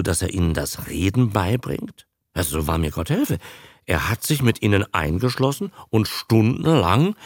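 A man's voice: on the low side, no echo, clean studio sound, full character voice. A man reading a radio story, voicing a boastful, blustering Irish sailor telling a yarn. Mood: confiding.

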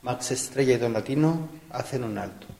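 A man's voice: mid-range voice, lively intonation, moderate pace, creaky, mellow. A man narrating literary scene descriptions for a radio drama. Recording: reverberant hall.

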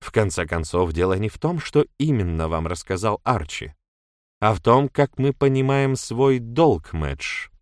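A man's voice: fairly low pitch, sing-song, measured pace, no echo, clean studio sound. A man reading an audiobook, voicing a composed, stern woman who speaks in clipped words, stressing each one. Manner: clipped, spelling out each word.

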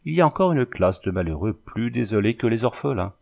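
A man reading a classic novel aloud in a measured, expressive way, including the letters in the story. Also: fairly low pitch, gravelly. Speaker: audiobook reader. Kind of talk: scripted narration of a classic novel.

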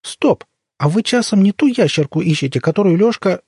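Dude putting on a high-voiced sassy young woman, bold and mocky, a bit husky. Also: expressive, darkish tone, dry recording, clean studio sound, heavily acted. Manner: bold, quick-witted, mocking.

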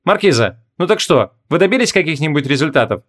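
A man's voice: on the high side, sing-song, fast. Courteous king read by a man, composed and thoughtful, audiobook royalty. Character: polite, thoughtful middle-aged king.

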